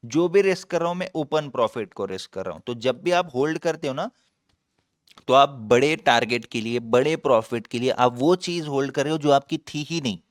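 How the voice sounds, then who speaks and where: Emphatic young man with a smooth voice. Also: medium pitch, animated, brisk, no echo, clean studio sound. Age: young adult. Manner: emphatic, repetitive, calls the viewer brother. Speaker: trader and channel host. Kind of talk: live trading commentary.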